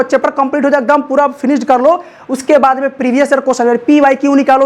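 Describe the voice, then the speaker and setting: A man teaching a classroom science lesson, constantly prompting his students to answer back. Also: extremely high pitch. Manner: call-and-response, keeps prompting students to answer.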